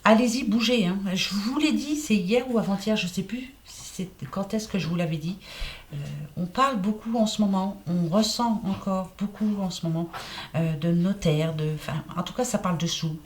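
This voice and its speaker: Speaking at a medium pitch and moderate pace, an oracle card reader offers relaxed guidance with a slight lisp. She's talkative, repeats herself, and leans on "hein" and "voilà."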